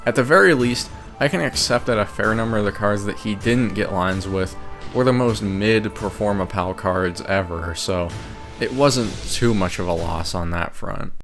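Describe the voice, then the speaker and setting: Over background game music, a man with a lowish voice and moderate pace reads scripted ranking commentary, opinionated and wry, in the manner of a video creator.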